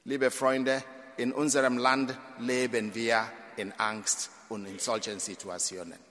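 A man's voice: mid-range voice, level tone, measured pace, a bit bright. A man from Nigeria, preaching a sermon as a priest at mass, emphatic, with dramatic swells and drops in volume. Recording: long church reverb.

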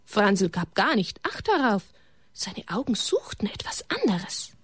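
A woman reading a religious story aloud to children in a gentle way, turning to them with questions and sometimes dropping to a whisper. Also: mid-range voice, very animated, a little slow, husky, dry recording.

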